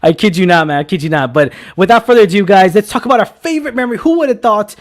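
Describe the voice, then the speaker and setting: A young man in his twenties hosts a casual film chat in a fairly high voice. He talks fast and gets loud and excited. He teases his co-hosts often. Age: 20s. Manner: excitable, loud bursts of laughter and teasing. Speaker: podcast host.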